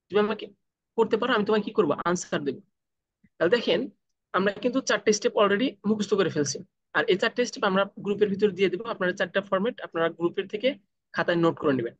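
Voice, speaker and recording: A man leads an online training class, asking his students questions and then answering them himself. He slows right down for deliberate English phrases. His voice comes through dull, dry call audio. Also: high-pitched, no echo. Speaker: freelancing trainer. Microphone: video call.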